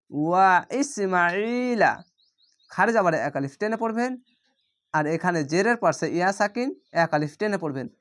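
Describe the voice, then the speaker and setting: A man teaching Quran reading, patiently spelling out each letter and vowel mark and then drawing out the Arabic words slowly. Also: sits high, a bit bright. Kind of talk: spelling-out Quran recitation lesson.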